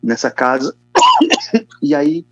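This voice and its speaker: A man's voice: fairly high pitch, huge pitch swings, extremely slow, sharp tone, husky, no echo. A man in his fifties with a São Paulo Brazilian accent, giving a casual, slangy personal testimony as an interview guest. He coughs often as he talks. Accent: Brazilian Portuguese, São Paulo area. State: coughing repeatedly. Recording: dull, lo-fi, dry sound.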